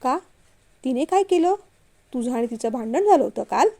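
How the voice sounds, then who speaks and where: A woman's voice: high-pitched, animated, moderate pace, warm tone. A woman voicing a stern, loving middle-aged father who scolds his grown son firmly in a storybook reading. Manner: firm, scolding.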